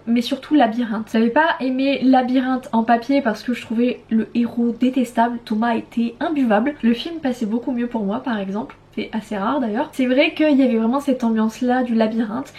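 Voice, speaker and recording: A woman's voice: fairly high pitch, a little mellow. A chatty young woman vlogger talking casually and enthusiastically about books, frank in her opinions. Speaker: book vlogger. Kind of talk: casual book chat to camera.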